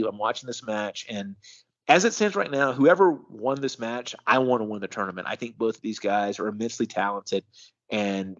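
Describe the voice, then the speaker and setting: A man co-hosting a casual show and giving a measured, analytical recap with frequent fillers. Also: mid-range voice, muffled recording. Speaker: co-host of a wrestling news show.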